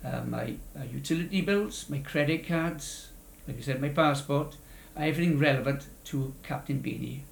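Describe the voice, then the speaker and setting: Creaky older man in an echoey room. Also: mid-range voice, normal speed, slight background noise. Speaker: interview guest, charity fundraiser. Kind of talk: conversational interview.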